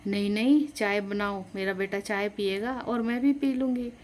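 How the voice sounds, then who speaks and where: A woman's voice: mid-range voice, moderate pace, a little mellow, a little hiss or hum, lightly acted. Woman playing a stubborn old-fashioned mother-in-law. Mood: insistent. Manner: complaining, insistent. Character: stubborn traditional middle-aged mother-in-law.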